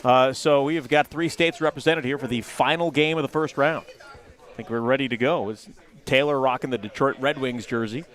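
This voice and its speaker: A man's voice: mid-range voice, fairly even intonation, normal speed, fairly bright tone. A man doing casual live play-by-play commentary on a sports event as a commentator.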